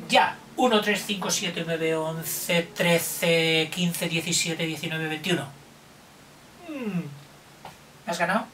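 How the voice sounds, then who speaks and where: A man's voice: a little high, background noise. An older man, a teacher, playfully racing the listener through counting drills in a children's counting lesson. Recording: echoey room, heard from a distance.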